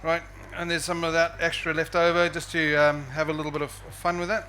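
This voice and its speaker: A man's voice: on the high side, little pitch movement, a little fast, bright, forceful tone, low-quality recording. A South African man with a whistling s, chatting informally as he gives a live cookery demonstration as a chef. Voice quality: whistling s from a false tooth. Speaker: chef giving a cooking demonstration. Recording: live event with clear background noise.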